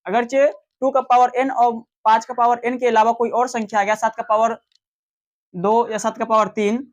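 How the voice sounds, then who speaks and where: Slow-explaining Hindi maths teacher, man. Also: high-pitched. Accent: Bihari Hindi. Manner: slow, explanatory, asks questions and answers them himself. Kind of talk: classroom maths lecture.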